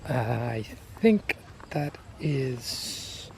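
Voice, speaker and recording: A man giving a casual, unscripted garden tour outdoors, listing things in an unhurried, appreciative way. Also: mid-range voice, lively intonation, creaky. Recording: outdoor ambient noise.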